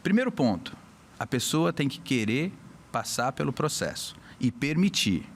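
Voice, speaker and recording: A man from Brazil, a hypnotherapist on a casual podcast, explaining with lively little acted-out scenes. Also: mid-range voice, normal speed, slight background noise. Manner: animated, acts out little scenes with voices. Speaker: hypnotherapist guest.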